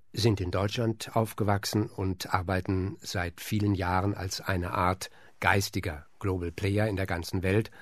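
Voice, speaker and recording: A man's voice: sits low, dry recording, clean studio sound. A man hosting an interview who asks long, formal, elaborately phrased questions. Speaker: interviewer, host.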